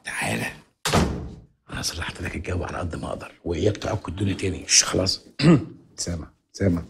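An actor playing a scheming, persuasive fixer in a comedy series, talking fast and conspiratorially. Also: male voice, low-pitched, creaky, background noise. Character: scheming fast-talking fixer, always smoothing over trouble. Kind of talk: TV comedy drama acting.

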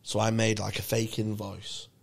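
Gravelly man telling a rambling story. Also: lowish voice, completely flat delivery, moderate pace. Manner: rambling, sweary. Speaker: podcast guest telling a story. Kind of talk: casual comic anecdote. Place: small brick-walled podcast studio. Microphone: close studio microphone on a boom arm.

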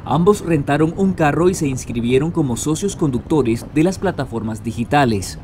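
A male reporter reading scripted narration for a news report, in a measured and informative way. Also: fairly high pitch, expressive, a little mellow, a little hiss or hum.

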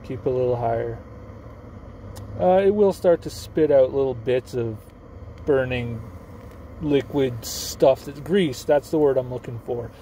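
Cooking on a camp stove in a parked car, a young vlogger records himself on a nearby phone, the stove sizzling in the background along with a little hiss or hum. He talks a little slowly with frequent pauses in a dark, medium-pitched voice, rambling, offhand, and self-mocking in this casual, jokey how-to video.

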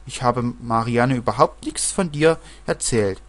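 A man's voice: medium pitch, a little slow, lightly acted. A man reading a scornful little girl. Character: sharp-tongued little girl.

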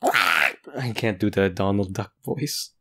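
A playful, excitable gaming host giving casual let's-play commentary. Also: low-pitched, slow.

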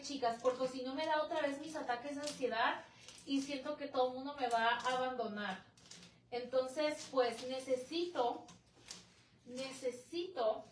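Chatty Mexican woman, high voice. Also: slight background noise. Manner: chatty, dramatic, reads viewer comments aloud. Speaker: livestream host. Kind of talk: casual livestream chat.

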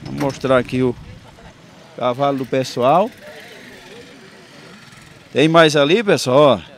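A man's voice: mid-range voice, slow. A man hosting casual street interviews at an outdoor livestock fair. He talks in a chatty, upbeat way and speaks straight to his viewers. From Sergipe, Brazil. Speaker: host of a rural culture channel. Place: outdoor dirt fairground with animals. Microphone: handheld mic, phone camera.

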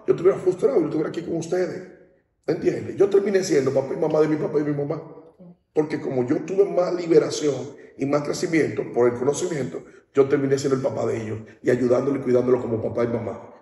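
A man from the Dominican Republic preaches at a baptism, talking to the congregation directly and often checking that they follow him. His voice is mellow and warm. He is recorded from some distance in a large, echoing hall. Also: a little high. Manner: conversational preaching, often asks "¿entiendes?". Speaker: pastor. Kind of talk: sermon. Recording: echoey hall, speaker off-mic.

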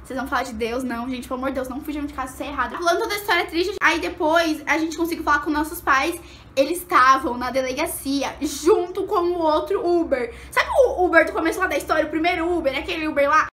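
A young woman vlogger telling a personal story in an animated way, acting out what people said. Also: fast, roomy sound. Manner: animated, acts out quotes with big pitch jumps. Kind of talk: storytime vlog.

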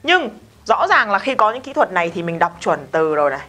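In a casual video lesson, a woman teaches English pronunciation, explaining patiently, saying example words slowly and posing rhetorical questions. Her medium-pitched voice is bright, sing-song and forceful.

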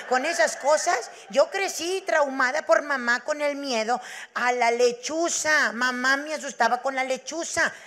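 A woman with a Mexican accent doing stand-up comedy, telling stories in a brash, fast, profane manner on a live stage. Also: high-pitched, a bit bright.

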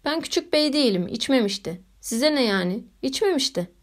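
Woman doing a gruff, snapping young man. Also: high-pitched, lively intonation, brisk. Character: brusque embarrassed young man, the narrator.

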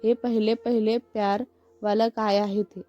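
A woman's voice: medium pitch, flat delivery, unhurried, mellow, no echo, lightly acted. A woman reading the lines of a playful, giggly young woman in a story. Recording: muffled with faint background music.

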